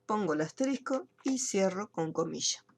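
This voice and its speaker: Woman, online software instructor; patient step-by-step delivery, gravelly edge. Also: medium pitch, animated, moderate pace. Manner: explains step by step, checks in with students. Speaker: computer course teacher. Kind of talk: screen-share software tutorial.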